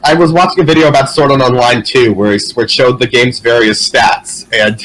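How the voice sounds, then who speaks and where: A man's voice: medium pitch, sing-song, moderate pace, fairly bright tone, a little hiss or hum, rough recording. A man chatting casually as a podcast co-host, in a rambling, sweary way. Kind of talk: casual chat about games and anime.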